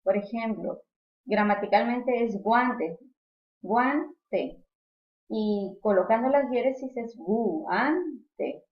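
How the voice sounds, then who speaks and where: A woman's voice: fairly high pitch, slow. A woman teacher explaining poetic devices and verse types in a lecture, often repeating a word while she finds the next one. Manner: explanatory, repeats words while searching for them. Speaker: literature teacher. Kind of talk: recorded lecture on poetry. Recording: echoey room, slightly dull sound.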